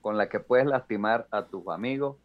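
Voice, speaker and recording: A man's voice: lowish voice, moderate pace. Joking man, slightly lo-fi. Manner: joking, laughs while talking, says "hermano" a lot. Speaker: podcast co-host. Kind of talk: casual comedic podcast chat. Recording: slightly dull lo-fi audio.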